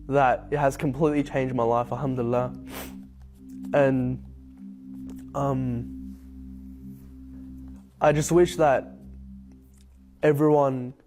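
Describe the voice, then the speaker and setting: A young man from Hong Kong telling his personal story to camera, reflective and unhurried, with frequent ums. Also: medium pitch, darkish tone. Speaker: convert sharing his story. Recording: faint music bed behind voice.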